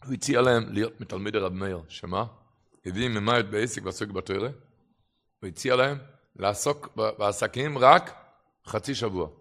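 A man's voice: fairly low pitch, fairly bright tone. A man preaching a religious sermon and telling stories, impassioned, with his voice swelling and dropping for emphasis. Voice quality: gravelly.

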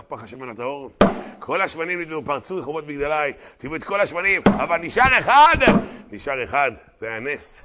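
A male rabbi giving an animated Torah lesson to a live audience, breaking into loud exclamations, then rallying donations in quick patter. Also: medium pitch, very noisy. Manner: dramatic, bursts into loud exclamations; brisk auctioneer-like fundraising patter. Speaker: rabbi teaching a Torah class. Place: class hall with a live audience.

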